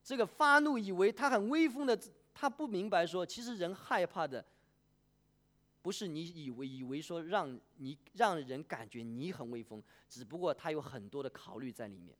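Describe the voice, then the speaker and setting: Animated preacher giving a sermon. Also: medium pitch, normal speed. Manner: animated, poses questions and polls the congregation.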